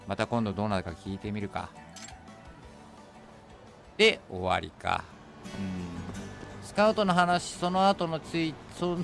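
A man with a Kansai accent chatting casually and joking while streaming a game. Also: mid-range voice. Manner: chatty, joking, teasing asides. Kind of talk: casual gameplay commentary.

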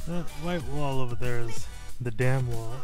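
A man's voice: medium pitch, normal speed, darkish tone, faint music behind. A man narrating a casual travel vlog, talking informally and directly to his viewers. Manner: informal, addresses viewers as guys and y'all. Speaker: travel vlogger.

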